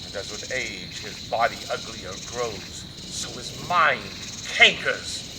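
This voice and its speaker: A man's voice: on the low side, animated, takes it slowly. A man playing a commanding, vengeful sorcerer on stage, declaiming in archaic English. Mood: bitter, vengeful. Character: commanding, vengeful male sorcerer with spirit servant. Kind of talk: live stage performance of Shakespeare. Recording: noisy live outdoor stage recording.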